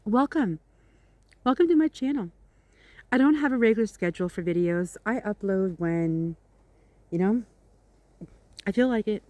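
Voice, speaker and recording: A woman's voice: medium pitch, lively intonation, moderate pace, long pauses, dark tone, no room sound. Rambling, chatty middle-aged woman vlogger. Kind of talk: casual chat to viewers. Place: outdoors in the countryside.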